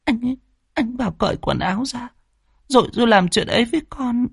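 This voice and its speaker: A man's voice: very high voice, a little fast, gravelly, breathy edge, no echo, studio quality, voice pushed up, exaggerated voice. A man voicing a frightened pregnant teenage girl who stammers and pleads in a horror story. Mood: fearful.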